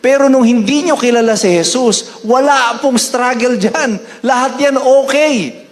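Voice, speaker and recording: A Filipino pastor delivers a sermon, mixing Tagalog and English and easing into slow, deliberate scripture readings. His voice sits high for a man. The room behind him adds a long, lingering reverb. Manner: switches between Tagalog and English, quotes scripture slowly.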